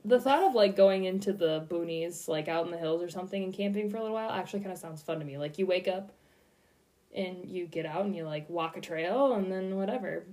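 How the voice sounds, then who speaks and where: A woman co-hosting a podcast, chatting casually in a playful way and quick to laugh. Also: lowish voice, mellow. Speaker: podcast co-host. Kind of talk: casual chat.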